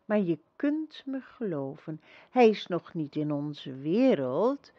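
A woman voicing a gentle young girl empress who speaks softly, calmly and reassuringly in a storybook reading. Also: on the low side, takes it slowly, no room sound, lo-fi sound, heavily acted. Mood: serene. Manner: soft, calm and reassuring.

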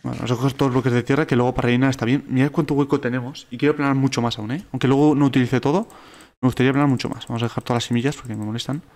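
Fast-talking Spaniard narrating gameplay. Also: male voice, mid-range voice. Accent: Spain Spanish. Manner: excitable, repeats words rapidly when alarmed. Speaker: gaming YouTuber. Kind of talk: let's play commentary.

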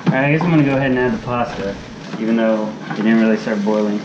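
A man with a lowish voice races through his words while helping his partner cook indoors at home, coaching and teasing her for a casual cooking vlog. The background is noisy, and the camera across the kitchen captures distant, echoey, dull sound with music.

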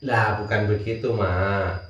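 A man's voice: fairly low pitch, steady tone, a little slow, fairly bright tone, a little hiss or hum. A man teasing his wife in a casual family chat and laughing often. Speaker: husband and show host. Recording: roomy echo from a distant mic.

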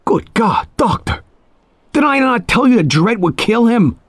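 A man's voice: sing-song, moderate pace, no echo, clean studio sound, full character voice. A man voicing an agitated young man in a spoken horror story, urgent and frightened. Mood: alarmed. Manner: urgent, raised pitch.

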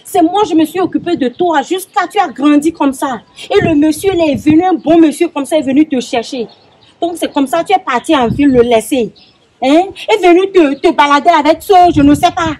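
Woman playing a shrill scolding village mother. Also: brisk, a little mellow, slight background noise, close to an everyday voice, rough recording. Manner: emphatic, repeats questions insistently.

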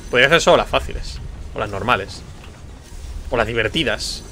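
Bright-voiced frustrated gamer, muttering. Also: male voice, mid-range voice, animated, fairly quick, slight background noise. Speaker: gameplay commentator. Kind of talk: let's play commentary. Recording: faint music behind.

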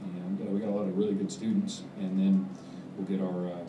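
A man in his forties, a head football coach answering post-game press questions in a measured, halting way with many fillers. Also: deep voice, flat delivery. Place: press room with backdrop, indoors. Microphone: table mic on stand. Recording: roomy, distant mic, background noise.

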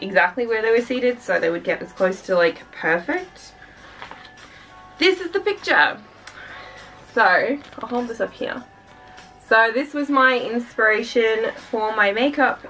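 A woman's voice: medium pitch, fairly bright tone, recorded from a distance, poor audio. A young woman from Australia gushing and chatting casually while unboxing albums for her vlog, full of fillers and sighs. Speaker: K-pop reaction vlogger.

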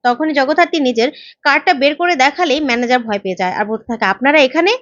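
A woman's voice: high voice, fast talker. A woman retelling a TV serial episode in casual storytelling style, on a slightly dull lo-fi recording. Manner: steady retelling.

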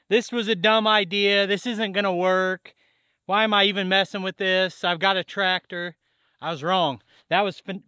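A man in his thirties, a farm vlogger, explains a farm tool project step by step in chatty vlog style, outdoors at a farm by a garage and a pond. His voice sits high with a bright, forceful, smooth tone, captured as clean studio sound with no room sound.

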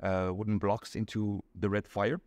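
A young Belgian man, appearing as an interview guest, explains things patiently and step by step with plenty of ums in a casual chat. His voice is lowish and a little mellow, with little pitch movement and a normal speed. The recording is dry, made in a small indoor room.

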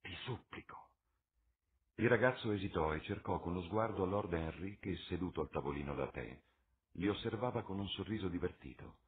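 A man reading a classic novel aloud as an audiobook, measured and expressive. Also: low voice. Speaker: audiobook reader. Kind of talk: literary audiobook narration. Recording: tinny lo-fi with faint hiss.

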